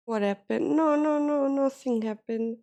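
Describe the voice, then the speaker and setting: Woman streamer, high and gravelly, slow, tired and teary, casual chat. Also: darkish tone. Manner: emotional, thanking viewers, near tears.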